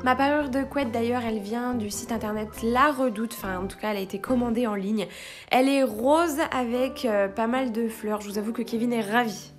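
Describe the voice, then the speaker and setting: This young mother, a vlogger in her twenties, chats through a cleaning video's voice-over and enthusiastically praises a product. Her voice sits on the high side and moves a little fast. Faint music plays behind her.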